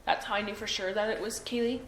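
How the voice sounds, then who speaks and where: A woman's voice: mid-range voice, fairly even intonation, fast, fairly bright tone. Hesitant young woman in an echoey room. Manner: hesitant, full of ums and self-doubt. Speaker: interviewee. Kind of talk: recorded police interview. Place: interview room. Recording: echoey room, faint noise.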